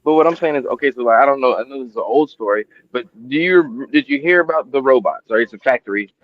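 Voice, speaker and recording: A man co-hosting a casual podcast livestream, telling stories in an animated way and acting out the parts. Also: medium pitch, fast, dull audio. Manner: animated storyteller, puts on voices for anecdotes. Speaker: podcast co-host.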